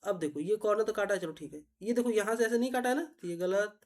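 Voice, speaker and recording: A woman teacher, patiently explaining reasoning puzzles step by step and often asking if it is clear. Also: mid-range voice, quick pace, darkish tone. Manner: patient, repetitive, checks understanding often.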